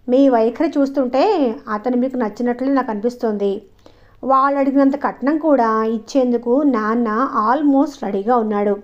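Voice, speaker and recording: A composed young daughter who speaks in a gently firm, reasoning way, voiced by a woman reading an audio story. Her voice sits a little high. The audio is slightly dull and lo-fi. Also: close to an everyday voice. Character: calm, self-assured young woman, a grown daughter.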